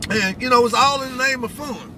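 A middle-aged man speaks in an extremely high, fairly quick voice, animatedly sharing personal stories with a bit of preaching. He's colloquial and emphatic, repeats phrases, and the pickup cab he's in is noisy.

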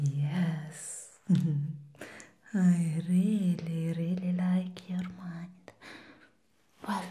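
In a whispered role-play, a woman plays a seductive she-devil, coaxing and teasing like a temptress luring a human. Her demonic whisper is very slow, soft and dark, low-pitched and breathy.

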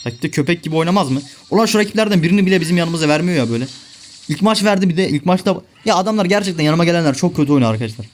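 A man's voice: on the high side, expressive, racing, slight background noise. A young man giving live gameplay commentary, ranting and swearing at his teammates in frustration. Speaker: gaming video creator.

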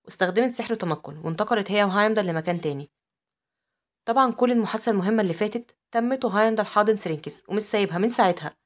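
A woman with an Egyptian accent narrating a comic-story recap, with quick asides. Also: mid-range voice. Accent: Egyptian Arabic. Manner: rapid, breathless storytelling with asides.

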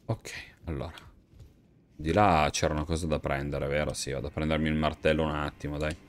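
Very low-voiced man swearing through a game. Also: a little fast. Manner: slangy, crude, swearing, jokey. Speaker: streamer playing a video game. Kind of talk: casual gameplay commentary. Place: small room at home, webcam stream. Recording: clear steady background noise.

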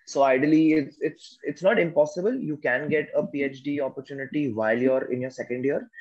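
A man's voice: a little high, brisk, darkish tone. A man in his twenties with an Indian accent, explaining things casually as a student on a video call. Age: 20s. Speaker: graduate student being interviewed. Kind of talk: casual explanatory answers in an interview. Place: small room at home, indoors. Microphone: video call, device at arm's length. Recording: slightly dull video-call audio.

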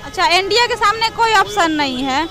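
A woman with a very high voice reports from a busy street crossing. She chats easily and nudges passersby with question after question. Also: expressive, a little fast. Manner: chatty, coaxing questions to passersby. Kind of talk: street vox pop reporting.

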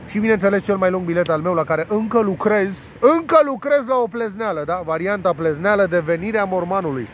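A high-voiced man, nasal and congested with a cold, rambles through his betting picks with crude jokes, swearing and playful made-up words. He is recorded outdoors, with faint city traffic noise behind him. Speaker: sports betting tipster. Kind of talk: casual monologue presenting betting tips.

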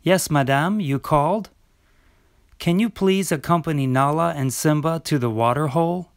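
A man's voice: a little high, moderate pace, clean tone, no room sound, clean studio sound, natural voice. A man playing a fussy, proper male hornbill steward in an amateur stage play, speaking in a prim, formal way.

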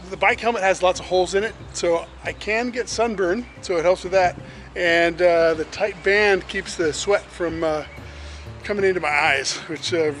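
A man in his fifties, a fitness vlogger, chats casually and hesitantly to a handheld action camera held at arm's length. His voice is high and a bit bright.

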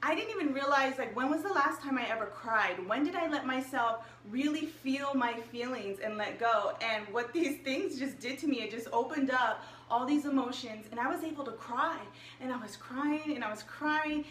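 Upbeat young female wellness coach, high voice, casual live-stream chat, echoey room, mic set back. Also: animated, moderate pace, few pauses, fairly bright tone. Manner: chatty and upbeat, addresses viewers directly. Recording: echoey room, mic at a distance, faint hiss.

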